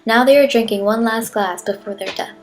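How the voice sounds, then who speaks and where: With music playing behind her, a woman voices an earnest, solemn wartime newsreel narrator full of patriotism. She speaks a little high and a little fast in a natural voice, reading the formal script declaratively.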